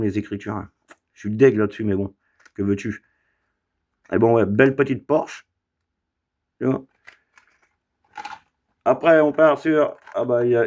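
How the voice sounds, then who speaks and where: A man's voice: mid-range voice, darkish tone. A man casually showing off his toy car collection, chatty and rambling with lots of fillers and asides. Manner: chatty, rambling, many fillers and tag questions. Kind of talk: casual unboxing vlog. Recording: slightly dull lo-fi sound.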